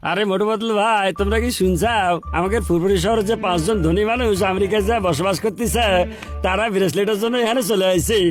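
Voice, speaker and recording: A man's voice: sits high, fast, soft background music, natural voice. A man playing a chatty rustic cartoon townsman who talks in colloquial rural dialect. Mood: chatty, informing. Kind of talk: cartoon dub acting.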